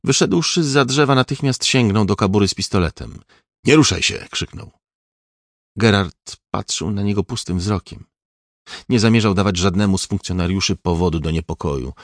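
A man reading an audiobook in a measured, even scripted narration. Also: lowish voice, no room sound, studio quality.

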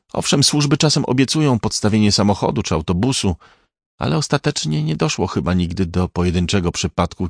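Deep-voiced male audiobook narrator. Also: breathy edge, no room sound, studio quality. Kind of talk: scripted narration.

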